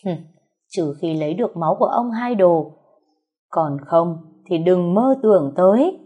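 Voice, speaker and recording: Woman doing a cruel old mother-in-law, harsh and menacing, low and husky. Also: animated, unhurried, phone-quality sound. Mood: cold.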